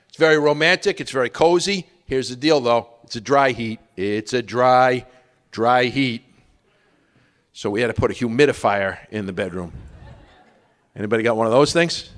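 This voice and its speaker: A man's voice: a little high, a bit bright. A man doing a stand-up comedy routine, telling wry stories and asking the audience questions. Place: stage in a large hall. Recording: long reverb of a theater hall.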